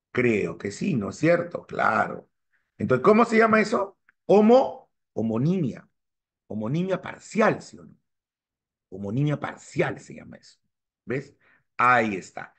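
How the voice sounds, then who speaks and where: A man's voice: fairly bright tone, breathy edge. Emphatic male grammar teacher. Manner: keeps quizzing students with quick rhetorical questions; emphatic, jumps up in pitch to stress key terms. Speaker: language teacher. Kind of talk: exam-prep grammar lecture.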